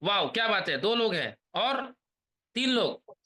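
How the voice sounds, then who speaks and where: A man in his thirties giving an energetic sales pep talk on a video call, rousing the audience with questions and chants. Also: high-pitched, unhurried. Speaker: motivational trainer.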